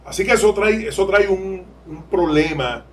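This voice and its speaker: Candid Puerto Rican lawyer, fairly high voice. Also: male voice, moderate pace, far from the mic, poor audio. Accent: Puerto Rican Spanish. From Puerto Rico. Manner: candid, digressive, laughs while explaining. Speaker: lawyer and legal aid board president, guest. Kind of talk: podcast interview.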